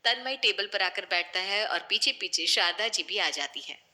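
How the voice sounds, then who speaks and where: A woman narrating a family story in a steady, matter-of-fact way. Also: medium pitch, moderate pace.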